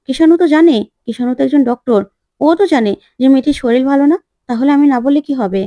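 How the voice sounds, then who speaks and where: Woman doing nosy young married woman, prying, coaxing questions, higher pitch. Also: fast, mellow, dry recording, lo-fi sound, natural voice.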